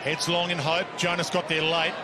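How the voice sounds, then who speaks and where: A man commentating live on football in terse phrases with drawn-out calls. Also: on the high side, monotone. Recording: very loud stadium crowd noise. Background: roaring stadium crowd.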